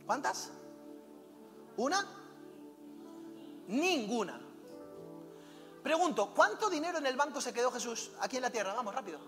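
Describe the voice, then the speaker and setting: A man's voice: very high voice, lively intonation, normal speed, pauses often, sharp tone. A man preaching a fervent, exhorting sermon and weaving in personal anecdotes, heard in a reverberant hall with music playing. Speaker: pastor.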